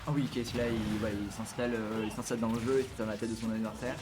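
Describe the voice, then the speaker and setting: A man casting an esports grand final at a rapid clip, rattling off excitable play-by-play. Music runs clearly underneath his voice throughout. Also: lowish voice. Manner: quick, excitable play-by-play with colourful asides. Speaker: esports commentator. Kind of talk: live esports commentary. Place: esports venue. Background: music behind the voice.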